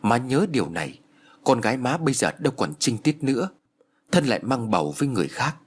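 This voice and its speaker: An earnest young woman pleading with her mother, as a male narrator voices her. The delivery is tearful and insistent, in a husky, expressive reading voice. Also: mid-range voice, normal speed.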